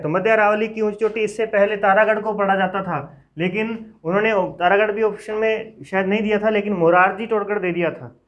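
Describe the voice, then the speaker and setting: High-voiced man teaching geography. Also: a bit bright. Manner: dictates lists, repeating each name slowly; talks informally to students while teaching. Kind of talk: classroom lecture. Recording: dull lo-fi classroom recording.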